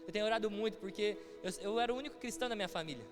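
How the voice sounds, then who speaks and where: A man's voice: high voice, very fast. A young man with a Brazilian Portuguese accent, preaching a heartfelt testimony sermon and acting out quoted dialogue in a church hall. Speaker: guest preacher. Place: church hall with music behind. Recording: long hall reverb. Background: soft music.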